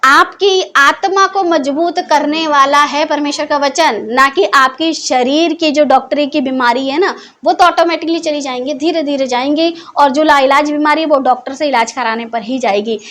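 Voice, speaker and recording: A woman with a high voice teaching the Bible in a chatty, informal way. She keeps throwing questions at her listeners and answers them herself. Her tone is that of a teacher gently scolding the class. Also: normal speed, hardly any pauses. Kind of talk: Hindi Bible teaching talk.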